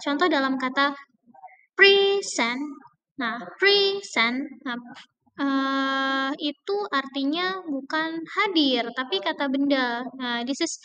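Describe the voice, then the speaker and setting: A woman with an Indonesian accent giving a recorded pronunciation lecture, switching between Indonesian and English, with hesitant fillers and slowly stretched example words. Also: high voice, sharp tone, low-quality recording. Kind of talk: recorded lecture explaining word stress.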